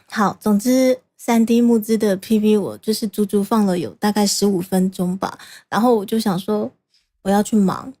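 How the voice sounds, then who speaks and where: A woman's voice: fairly high pitch, darkish tone. A woman from Taiwan streaming as a VTuber, chatting casually, tired and exasperated, with self-mocking complaints and frequent exclamations. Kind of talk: casual livestream chat.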